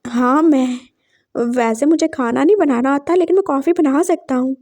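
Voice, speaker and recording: A bitter young man vowing revenge in a read-aloud fan fiction story, put on by a woman narrator. The voice stays high. It is threatening in private and sugary to others. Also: moderate pace, darkish tone, natural voice. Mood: sweet, eager. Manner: bitter, threatening inner monologue. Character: young man, vengeful, sweet to his face.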